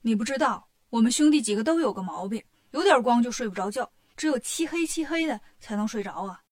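A woman voicing a brash, scheming monkey king in a children's story, talking briskly and confidently. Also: on the high side, animated, darkish tone.

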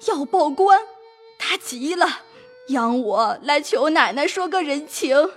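A woman playing a pleading servant woman. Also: high voice. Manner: storytelling, pleading, emotional. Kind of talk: audio drama acting.

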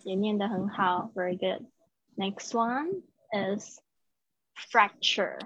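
A woman teaches English words over a video call, slowly and patiently correcting her student's pronunciation. Her voice is slightly husky and the audio is dry and dull, like a lo-fi online call. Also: medium pitch, fairly bright tone, no room sound. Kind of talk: live online vocabulary lesson.

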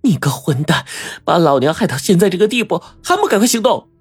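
A man voicing a sharp-tongued, quick-tempered young woman in an audiobook, scolding and switching suddenly from sweet to fierce. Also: medium pitch, lively intonation, husky, no echo, soft background music, pitched above the performer's own voice. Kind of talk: audiobook character voice.

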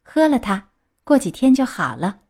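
A woman's voice: fairly high pitch, sing-song, moderate pace, husky, voice pushed up, full character voice. A woman voicing a patient, motherly fairy coaxing a sick child. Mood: gentle coaxing. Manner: gentle, coaxing.

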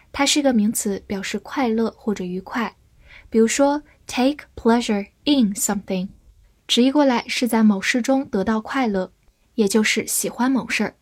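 Female vocabulary teacher, measured slow delivery, spells words out, dry close-miked sound. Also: a little high, darkish tone, slightly rough, no room sound. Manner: spells words letter by letter, slow model readings. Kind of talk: scripted vocabulary lesson.

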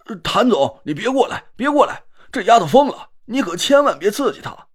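A man's voice: high-pitched, sing-song, brisk, breathy edge, pitched above the performer's own voice, exaggerated voice. A man voicing a terrified middle-aged businessman urging someone to stay back in a storybook reading. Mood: panicked. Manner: panicky, urgent.

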